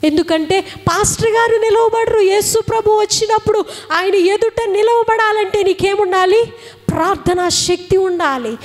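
A woman's voice: extremely high pitch, long reverb tail. A woman preaching a fervent sermon, firing rhetorical questions and repeating phrases for emphasis.

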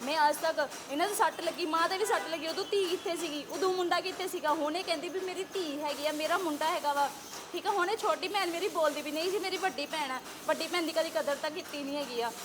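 A young Punjabi woman with a Punjabi accent, giving an agitated interview to reporters and pressing one rapid rhetorical question after another. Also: high voice, noisy background. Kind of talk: heated street interview.

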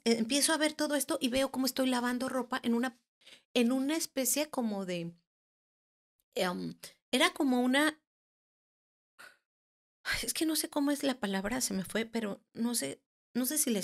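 A woman of about forty, a therapist appearing as a podcast guest, tells of a paranormal experience she personally had. Her voice is fairly high, and she speaks haltingly, often restarting and groping for words.

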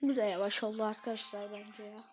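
A woman giving excitable, easily frustrated commentary on a mobile game she plays, talking straight to her viewers. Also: medium pitch, a little fast, noisy background. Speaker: gaming channel host. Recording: clear background game music.

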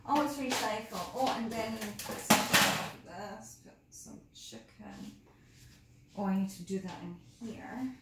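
A woman's voice: medium pitch, slow pace. A woman chatting casually in a cooking vlog in her home kitchen, rambling through asides and talking carefully because of mouth pain. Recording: echoey kitchen with background noise.

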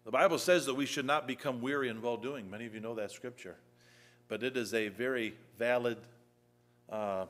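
A man preaching a sermon in a church, reading scripture emphatically and then dropping to a soft, low voice. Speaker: pastor.

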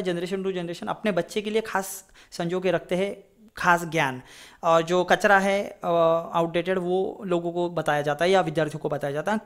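A man teaching a casual flute lesson, chatty and rambling, often checking in with his students. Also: a little high. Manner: chatty, rambling, digresses into advice; repeats "ठीक है?" to check in. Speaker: music teacher.

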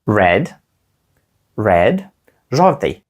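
A man teaching children simple English words slowly, encouraging them and pausing so they can repeat. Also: on the low side, very animated. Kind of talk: slow, clear language lesson for kids.

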